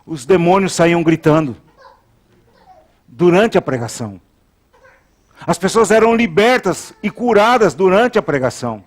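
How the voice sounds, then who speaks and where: A pastor delivers a sermon in a notably high voice. He hammers phrases through repetition and leads the congregation in call-and-response. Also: lively intonation, measured pace, long pauses.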